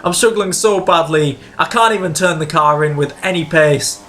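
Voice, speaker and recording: A man commentating on his own racing game playthrough, excitable and jumping up in pitch when the action gets tense. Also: normal speed. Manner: excitable, rises sharply in pitch during tense moments. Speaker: gaming video creator. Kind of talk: let's-play racing commentary.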